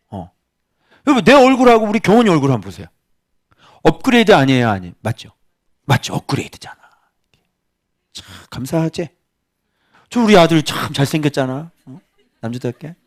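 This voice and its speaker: A middle-aged man preaching a sermon as pastor, chatty and teasing, often quizzing his congregation. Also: a little high.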